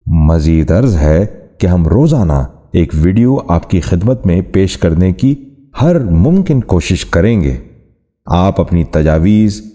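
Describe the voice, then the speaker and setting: Very dark-voiced formal Urdu teacher, man. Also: low-pitched. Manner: formal, courteous, slow deliberate enunciation of words. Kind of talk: scripted formal narration.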